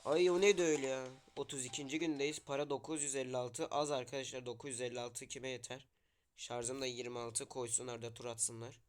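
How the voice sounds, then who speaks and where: A man playing a shop game and commenting casually, talking to the customers on screen and sometimes shouting in mock outrage. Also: mid-range voice, fairly even intonation, brisk. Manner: talks to game characters, loud sudden outbursts. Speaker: gaming streamer.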